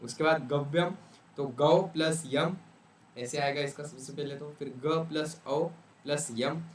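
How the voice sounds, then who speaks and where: A man's voice: fairly high pitch, a little slow, roomy sound, far from the mic, a little hiss or hum. A man whose first language is Urdu, giving a casual exam revision lecture and often checking in with "okay". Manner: casual, repeats "ठीक है" often. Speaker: tutor.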